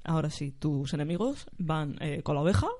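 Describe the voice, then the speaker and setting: A man chatting casually and in a relaxed way as a podcast co-host. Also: on the high side, fairly quick, dry recording, studio quality. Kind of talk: casual chat.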